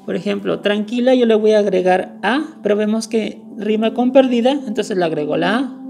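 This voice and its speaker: A woman's voice: medium pitch, brisk, gravelly, mellow, soft background music. A woman explaining a lesson step by step, going over each point carefully and repeating the key words. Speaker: teacher. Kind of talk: screen-recorded lesson.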